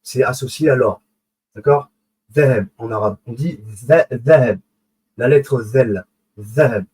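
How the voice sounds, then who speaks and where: A man lectures in a relaxed live-stream manner, his voice husky and sitting in an ordinary middle register. He wanders into asides, stumbles over restarts and corrects himself. He keeps asking his listeners whether they follow. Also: mid-range voice, unhurried, rough recording. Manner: digressive, self-correcting, many fillers and restarts; checks in with listeners often. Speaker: online lecturer on esoteric symbolism.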